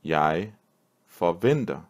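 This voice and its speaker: Deep-voiced man drilling vocabulary slowly. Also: lively intonation. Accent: Danish. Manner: reads each word with pauses and repeats it. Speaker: language teacher. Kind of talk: slow vocabulary drill reading.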